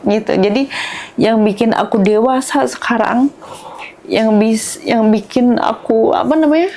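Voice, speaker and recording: A young woman, a guest on a podcast, speaking emotionally and haltingly about her late daughter, often searching for words and close to tears. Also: fairly high pitch, dark tone. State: tearful. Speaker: podcast guest, bereaved mother. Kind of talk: emotional interview talk.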